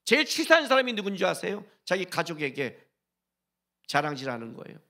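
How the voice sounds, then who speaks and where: Animated, bright-voiced male pastor preaching. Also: sits high, brisk. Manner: exhorting, rhetorical questions, swings between loud urging and hushed asides; briefly sings a hymn line during the sermon. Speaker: senior pastor. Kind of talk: sermon.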